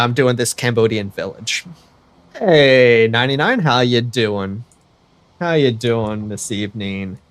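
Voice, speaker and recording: A young American man with a medium-pitched voice chats casually to viewers while livestreaming a building game, rambling and correcting himself as he goes. There's no echo on his voice.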